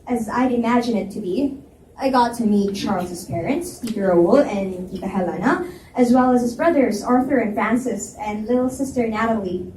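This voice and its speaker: A woman with a slightly high, slightly mellow voice reads a first-person story aloud at a live library event indoors. The recording picks her up from a distance, with echo off the room and a faint noise floor.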